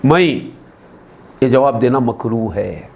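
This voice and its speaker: A man giving a religious sermon at a gathering, asking the audience questions and repeating the answers, and acting out quoted dialogue in a raised voice. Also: medium pitch. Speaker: Islamic scholar preaching.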